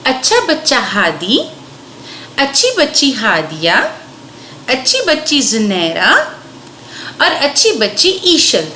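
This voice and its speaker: A woman telling a story to children at a slow, animated pace, with drawn-out sound words. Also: sits high. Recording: echoey room, faint background noise.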